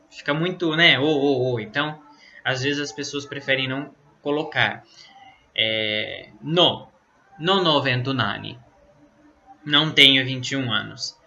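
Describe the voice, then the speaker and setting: A Brazilian man teaching an Italian lesson in casual Portuguese, slowly explaining phrases and filling pauses with "né?" and "tá?". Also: mid-range voice, pushed and bright. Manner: explains slowly, many fillers like "né?" and "tá?". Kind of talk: casual online language lesson. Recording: dull lo-fi sound.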